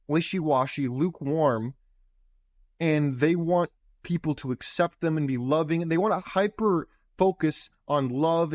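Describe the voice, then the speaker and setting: A man's voice: on the high side, dry recording, studio quality. A man hosting a show, giving blunt, sarcastic reaction commentary on a video clip. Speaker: host and commentator.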